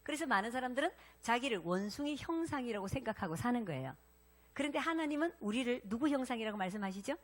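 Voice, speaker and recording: A woman pastor preaching a sermon, animated and interactive, prompting her congregation to respond. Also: fairly high pitch, quick pace.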